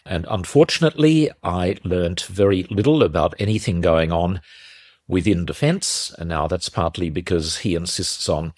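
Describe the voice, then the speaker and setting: A man, muffled and congested with a slight cold, giving measured, opinionated solo commentary as a podcast host. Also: deep voice, darkish tone, no room sound, clean studio sound.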